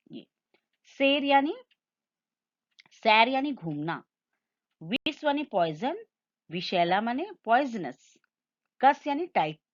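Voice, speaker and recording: A woman teaching a Hindi lesson, reading out word lists slowly and clearly, asking listeners to repeat each word after her. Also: medium pitch, no echo, lo-fi sound. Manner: slow, clear, drilling word lists aloud for repetition. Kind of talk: online classroom lesson.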